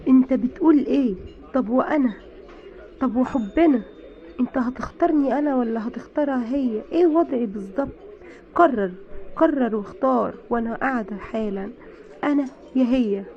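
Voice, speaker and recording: A woman's voice: fairly high pitch, normal speed, close to an everyday voice. A woman with an Egyptian accent playing a betrayed, unforgiving young wife who accuses her husband insistently in a skit. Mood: angry. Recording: dull lo-fi with faint noise.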